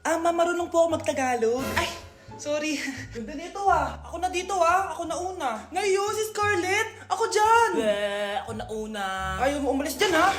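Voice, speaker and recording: A woman's voice: very high voice, brisk, over music. A woman performing comedy skits, playfully switching between character voices. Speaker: comedy skit creator. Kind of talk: comedy skit acting.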